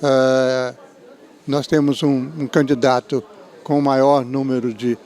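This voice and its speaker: This interview features a middle-aged education professor with a Brazilian Portuguese accent whose voice is medium-pitched, level and darkish. His spoken analysis is measured and academic, punctuated by restarts and "né?" tags.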